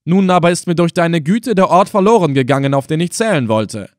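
A loyal, excitable servant who grumbles and pleads with his master, as a male reader acts him out. His voice sits higher than the narrator's, lively and exclamatory. The reading is dry and close, like a storybook audiobook. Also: fairly quick, dry recording, lightly acted. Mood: indignant, plaintive.

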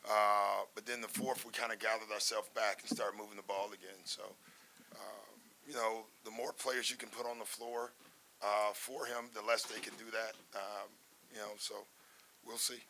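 An older man speaks as a basketball coach at a postgame press conference, relaxed and measured, leaning on fillers and restarts. His voice sits fairly low yet carries a bright, present edge. A faint hiss runs under the table-mic recording. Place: press room in front of a sponsor backdrop. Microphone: table microphone in front of him.

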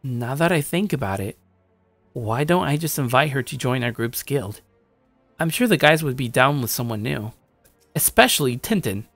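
The voice is a young man's, medium in pitch, animated and gravelly yet fairly bright, at normal speed with no echo. In an anime-like audio drama he's the narrator and lead, a shy but slightly cocky gamer musing casually and upbeat about his day. His dry studio take is laid over music.

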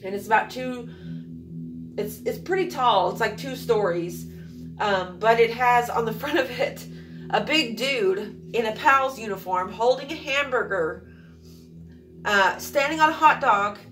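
A young adult woman from Alaska, a vlogger, chats casually to camera in a small room at home, rambling with lots of fillers. Her voice is a little high and a little slow, recorded far from the mic with music playing.

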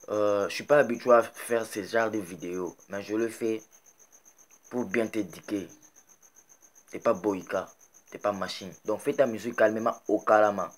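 A man, angrily scolding a rival musician in a direct-to-camera rant and repeating rhetorical questions. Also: lowish voice. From Democratic Republic of the Congo. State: angry.

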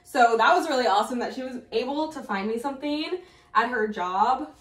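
A woman's voice: fairly high pitch, fairly quick. A young adult woman chatting casually to camera as a vlog host, recorded in an echoing bathroom. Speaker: vlogger, channel host. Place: small tiled bathroom, indoors. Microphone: camera a few feet away. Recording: echoey bathroom, distant mic.

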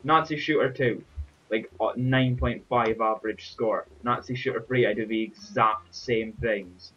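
A man's voice: mid-range voice, fairly even intonation, measured pace, a bit bright, husky. Young man, casual gaming chat. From Scotland. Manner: chatty, wry banter. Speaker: gaming channel host. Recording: dull hissy home mic.

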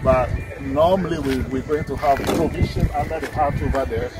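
A man's voice: on the high side, fairly even intonation, normal speed, heavy background noise. A middle-aged man with a Ghanaian accent giving a casual walk-through as the owner, often tagging phrases with "right?". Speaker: hotel owner showing a site. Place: outdoors on an open hotel building site. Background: loud music.

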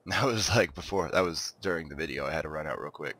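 Speaking fairly quickly in a rumbling low voice, this man hosts a gaming video and chats casually while playing and building. His slightly stuffed-up, congested sound fits his relaxed manner as he talks to himself during the build.

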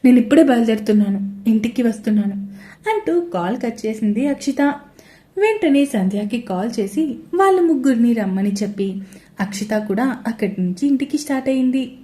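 Woman narrating a story, mellow tone. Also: on the high side, expressive, moderate pace.

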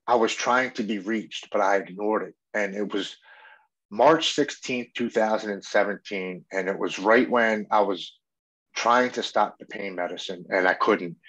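Male guest, forties, lowish voice, earnest and reflective, heartfelt storytelling. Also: fairly bright tone. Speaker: podcast guest in recovery.

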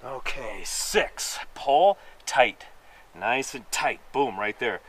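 Out on a wooden deck surrounded by pines, a man leads a workout as he exercises, his mid-range voice a little nasal and slow. The fitness instructor counts reps with energy and tosses in jokes, with background noise in the recording.

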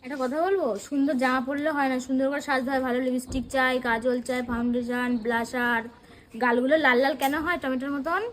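A woman in a scripted family skit, arguing defensively. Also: steady tone. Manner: defensive, quick and high-pitched. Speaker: younger family member accused over a parcel.

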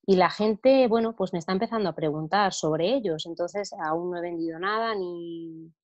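A woman's voice: on the low side, normal speed, highs cut off. A woman from Madrid with a Spain Spanish accent, sharing her thoughts on a video call in a hesitant, reflective way. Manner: hesitant, reflective, soft trailing ends. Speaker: participant.

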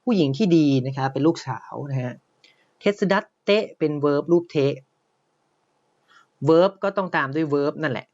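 A man's voice: on the high side, unhurried, pauses often, a little mellow. Thai man teaching Japanese, lo-fi sound. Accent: slight Isan Thai. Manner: explains step by step, often says "นะครับ" and asks "ใช่ไหม". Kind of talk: online language lesson.

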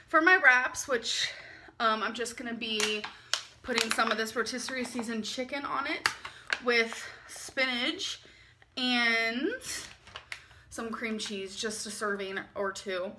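A vlogger in her twenties talks slowly in a fairly high voice as she unpacks a grocery haul in her kitchen late at night. She's chatty, giggly, and tired, keeping it casual. Background noise is present.

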